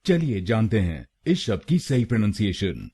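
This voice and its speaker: A man with an Indian accent, slowly narrating a pronunciation tutorial and drilling each syllable. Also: fairly low pitch, wildly swooping pitch, warm tone, breathy edge. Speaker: pronunciation teacher.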